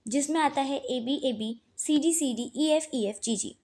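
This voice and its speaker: Woman teacher going over poetry terms, high voice, slow careful pace. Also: a little mellow. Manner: reads English definitions slowly, then explains them in Hindi. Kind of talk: lecture explaining literary terms.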